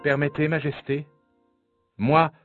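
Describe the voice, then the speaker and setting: A man voicing a clever young princess disguised as a boy, who sounds calm and cheeky. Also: on the high side, takes it slowly, voice pushed up. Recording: tinny phone-like sound, faint music.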